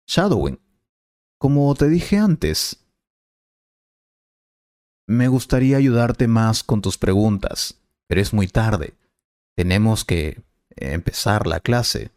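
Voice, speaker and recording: A man as a Spanish teacher, explaining clearly and patiently in a scripted lesson dialogue. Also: fairly low pitch, lively intonation, takes it slowly, pauses often, darkish tone, no room sound, clean studio sound.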